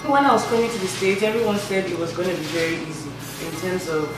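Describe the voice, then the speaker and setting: An earnest woman in her twenties, speaking with a measured pace and a slightly low voice. She sounds far from the mic in a very echoey room, with clear background hiss. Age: 20s. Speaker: interviewee.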